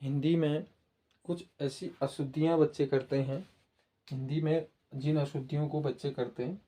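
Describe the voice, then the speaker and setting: A man's voice: fairly high pitch, fairly even intonation, normal speed, warm tone. A man teaching a grammar lesson to students, patiently repeating points and speaking straight to the listeners. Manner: patient, repetitive, addresses listeners directly. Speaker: Hindi teacher.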